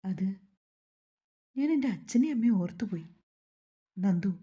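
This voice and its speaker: A woman voicing a shy, gentle young woman who speaks softly and quietly. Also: mid-range voice, expressive, a little slow, husky, lo-fi sound. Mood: tearful.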